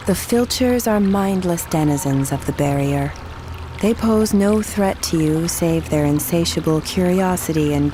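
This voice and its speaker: A woman playing a soft, confident night hag who guides in measured, formal speech in a fantasy video game. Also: deep voice, background noise.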